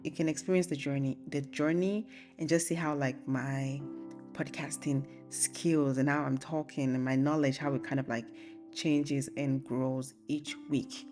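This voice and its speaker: A young woman hosting a casual faith podcast, chatting informally and thinking aloud in a relaxed, rambling way. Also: extremely low pitch, measured pace. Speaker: podcast host. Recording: soft guitar music behind the voice. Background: acoustic guitar music.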